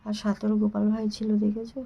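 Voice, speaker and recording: A woman with a sore, hoarse throat talking softly and half-whispering in a casual home vlog. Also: medium pitch, monotone, fast, highs cut off. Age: adult with a daughter. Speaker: vlogger.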